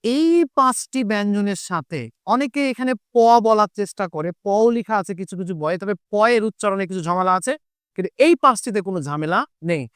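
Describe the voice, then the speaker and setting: A man's voice: high voice, animated, brisk, fairly bright tone, smooth, dry recording, clean studio sound. A Bengali teacher with a Chapainawabganj accent gives an online lesson. He repeats key points and asks and answers his own questions. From Chapainawabganj, Bangladesh.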